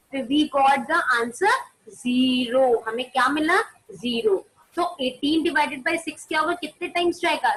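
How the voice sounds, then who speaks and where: A woman teaching primary school maths online over a video call has a high, slightly bright voice, captured in a rough recording. She mixes Hindi and English, asks her pupils questions and then answers them, and calls on pupils by name to put their cameras on.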